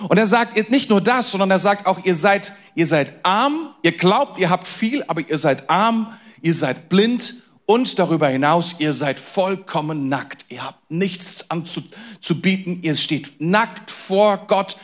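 A man preaching a sermon in a conversational way, talking straight to his listeners and moving between loud emphasis and quiet intensity. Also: sits high, lively intonation, unhurried. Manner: conversational, addresses listeners directly. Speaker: pastor.

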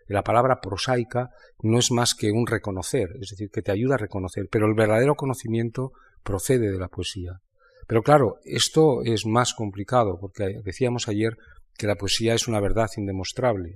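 A man from Spain talking about literature in a reflective conversation, thinking aloud with many pauses and restarts. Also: lowish voice. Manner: thoughtful, halting, many restarts and fillers. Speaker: writer in conversation.

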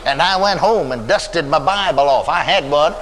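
Speaking at normal speed with background noise present, this older Texan man has a fairly high voice. His sermon is full of dramatic storytelling and drawn-out emphatic words, echoing with a church hall's long reverb.

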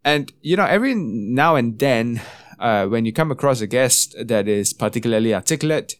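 A man hosting a podcast interview, talking in a relaxed, chatty way and laughing often, over a video call. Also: mid-range voice, normal speed, clean tone, dry recording. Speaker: podcast host.

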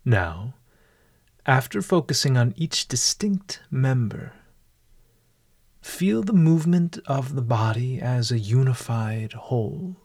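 Man, guided meditation, very slow pace, calm, deliberate, mid-range voice. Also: mid-range voice, breathy edge. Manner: calm, deliberate, measured phrasing.

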